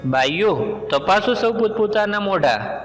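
A man's voice: high voice, lively intonation, measured pace, fairly bright tone, reverberant, in a large hall, faint music behind, voice pushed up, low-quality recording. A man doing a flock of kindly sparrows. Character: many small helpful sparrows, kind.

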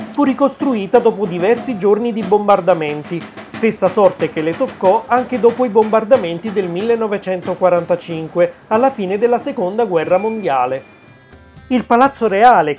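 A woman narrating a travel vlog in a calm, informative tour-guide manner. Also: medium pitch. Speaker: travel vlogger.

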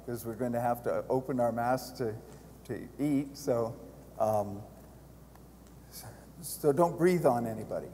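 An older man, a priest, gently addressing mourners in an informal way inside a large church. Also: mid-range voice, a little slow, long pauses, slight background noise. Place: large church, standing by the altar. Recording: reverberant church hall.

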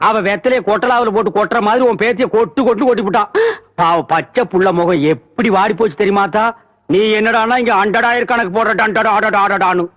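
A fast, sarcastic village joker. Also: male voice, high-pitched, fairly bright tone. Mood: mocking. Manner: teasing, sarcastic. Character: sharp-tongued, mocking village man. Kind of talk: film comedy dialogue.

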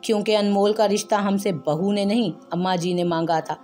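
A woman's voice: mid-range voice, fairly even intonation, brisk, dark tone, soft background music, natural voice. A woman voicing a firm middle-aged mother-in-law in a storybook reading, reasoning with authority.

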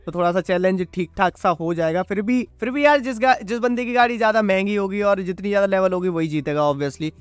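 Quick high-pitched gamer guy, chatty play-by-play, loud game music under him. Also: clear, resonant tone, no room sound. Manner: chatty, refers to himself as "your brother". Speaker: mobile gaming YouTuber. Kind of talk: excited gameplay commentary.

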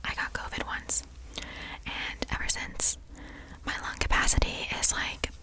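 A young woman whispering an ASMR chat in a breathy, rambling, playful way, very close to the microphone. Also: a little slow, rough recording. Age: young adult. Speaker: ASMR creator. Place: small indoor bedroom. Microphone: large desktop condenser microphone, very close.

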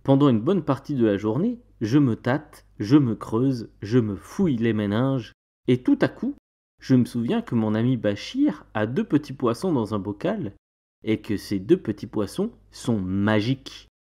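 A man narrating a storybook tale in the first person, with an expressive, theatrical delivery. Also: medium pitch, measured pace. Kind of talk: storybook narration read aloud.

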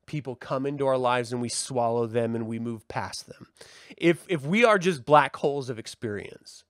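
This reverend, who hosts a livestream, speaks in a mid-range voice at normal speed, musing to his online viewers with rhetorical questions and emphatic stresses. It's a reflective live monologue, captured as clean studio sound without echo.

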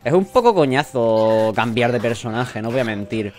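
A man's voice: medium pitch, lively intonation, moderate pace, darkish tone. A young man with a Spanish accent from Spain, casually commentating as he plays a video game, swearing often and reading game lines aloud in jokey voices. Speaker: let's play gamer. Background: faint game music.

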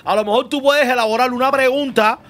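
A man's voice: very high-pitched, steady tone, fast, a bit bright. A man hosting a casual interview, politely passing on viewer questions. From Cuba. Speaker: host.

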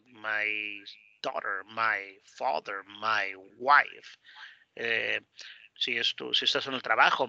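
A man's voice: a little high, creaky, pushed and bright, no room sound, dull audio. A man teaching a basic English class online, explaining in Spanish with English examples and lots of fillers and tag questions.

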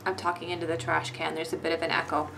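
A woman's voice: low voice, completely flat delivery, fast, creaky, very noisy. Woman in her 40s talking into a trash can. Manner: chatty, conversational. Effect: talking into a trash can, slight echo. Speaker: beauty vlogger. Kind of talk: casual product review.

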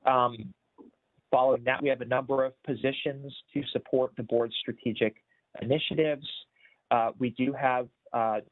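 A man presenting budget figures on a video call in a measured way, with frequent filler words and restarts. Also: mid-range voice, dry recording. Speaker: county budget official presenting at a town hall. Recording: tinny, dry video-call audio.

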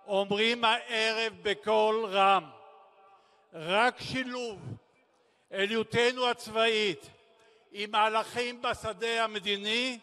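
Speaking at a memorial rally, a former military commander gives a formal speech through a large, echoing public-address system. His voice is very high for a man, bright and forceful. He declaims solemnly in deliberate phrases separated by weighty pauses.

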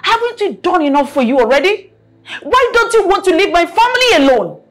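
A woman's voice: fairly high pitch, big pitch swings, slow pace, breathy edge, faint music behind, exaggerated voice. A middle-aged Nigerian woman playing a scornful mother in a film drama, scolding and repeating herself. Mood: furious. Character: stern, scornful mother of a grown son.

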